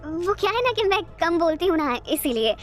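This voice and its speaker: A woman's voice: extremely high pitch, very animated, moderate pace, soft background music, voice pushed up. A woman voicing a bubbly young woman who talks nonstop and breezily insists she rarely speaks. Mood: chatty, breezy. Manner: nonstop talker, innocent and breezy. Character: chatty bubbly young woman, new employee.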